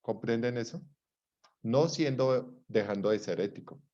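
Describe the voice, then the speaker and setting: A man's voice: mid-range voice, unhurried. A man, a psychologist lecturing students and acting out dialogue from his stories. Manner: lively storyteller, acts out dialogue. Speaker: psychologist teaching a class. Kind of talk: lecture with anecdotes. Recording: dull lo-fi recording.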